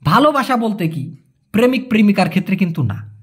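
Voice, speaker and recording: This male language teacher speaks high, with wide pitch swings and a slightly rough edge. His lesson is casual: he repeats phrases slowly, explains them fast, and takes questions from viewers.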